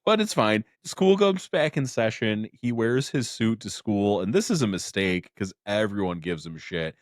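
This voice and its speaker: A man co-hosting a movie podcast, recapping the plot with dry, deadpan asides. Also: fairly low pitch, moderate pace, dry recording. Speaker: podcast co-host. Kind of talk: casual movie recap chat.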